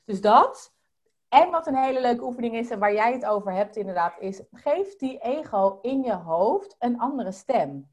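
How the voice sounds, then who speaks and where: A woman guest on a podcast, talking in an animated, coaching way and dropping English phrases into her speech. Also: fairly high pitch, normal speed, lo-fi sound. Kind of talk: casual podcast chat.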